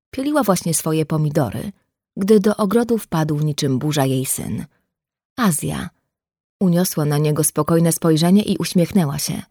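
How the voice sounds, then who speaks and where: A woman's voice: fairly low pitch, warm tone, husky, dry recording, studio quality. A woman reading a novel aloud as an audiobook narrator, voicing every character herself with small shifts of tone. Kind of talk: scripted narration.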